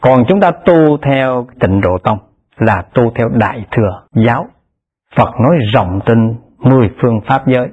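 A man delivers a Pure Land Buddhist dharma talk, husky and unhurried. He keeps a steady, repetitive teaching cadence, his voice lifting to stress key terms. The recording is thin and tinny, like a phone line. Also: mid-range voice.

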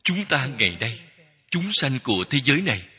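Husky, bright-voiced man preaching in a hall. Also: mid-range voice, very animated. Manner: slow, measured phrasing in short repeated clauses. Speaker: Buddhist teacher. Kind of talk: Buddhist dharma talk. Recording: long hall reverb.

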